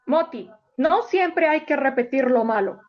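Woman reading a wise, gentle old leader. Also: high voice, measured pace, faint music behind. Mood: kindly. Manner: calm, kindly advising. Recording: dull lo-fi recording.

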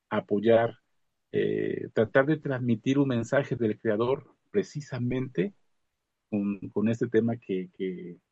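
A man shares a reflection on a video call. His voice is gravelly, dark and husky, and he pauses often with fillers and restarts. The call audio is dull, lo-fi and dry. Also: lowish voice, no room sound. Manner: halting, with many fillers and restarts. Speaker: study group member giving a comment. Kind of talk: casual religious reflection.

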